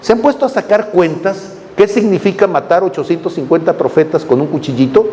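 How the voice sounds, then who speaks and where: A man's voice: high-pitched, a little fast, dark tone. A male pastor preaching a sermon, telling the story with humor and voiced quotes. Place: church hall. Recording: long reverb in a hall, faint noise.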